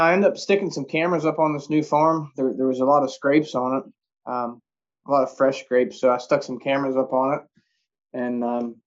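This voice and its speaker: A man, casually telling a rambling hunting story in folksy phrasing. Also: medium pitch. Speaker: deer hunter. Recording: dull lo-fi audio.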